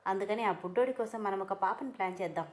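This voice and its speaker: A playful young husband with a coaxing, teasing way of speaking, read by a woman storyteller. The voice sits fairly high. It comes from a narrated story. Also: fast talker, natural voice. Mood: reassuring.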